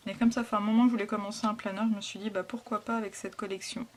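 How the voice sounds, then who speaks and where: A woman hosting a casual scrapbooking haul, talking softly and hesitantly with frequent fillers. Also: mid-range voice, flat delivery, racing. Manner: soft, hesitant, lots of fillers. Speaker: scrapbooking vlogger. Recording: packaging crinkles and clicks behind.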